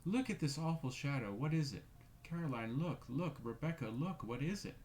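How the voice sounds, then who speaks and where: A man's voice: mid-range voice, big pitch swings, moderate pace, slight background noise, pitched above the performer's own voice. A man voicing a frightened middle-aged woman, a widowed sister who shrieks in horror at what she sees. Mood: terrified.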